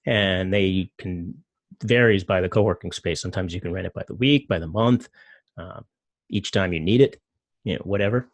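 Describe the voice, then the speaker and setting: A middle-aged presenter walks through his slides casually and at normal speed, rambling and using lots of fillers. His low voice has a gravelly edge, recorded close and dry with no echo or room sound.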